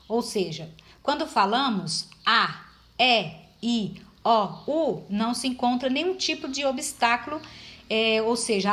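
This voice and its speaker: Woman teacher, slightly high voice, patient, explains step by step. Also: fairly bright tone. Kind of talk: informal classroom lesson.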